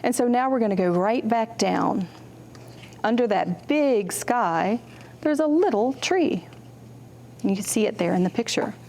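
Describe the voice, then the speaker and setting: A librarian running a kids' storytime reads picture books at a measured pace in a voice on the high side, with a little hiss or hum in the recording. Her reading is expressive, she acts out contrasts with her voice, and she asks the children simple questions.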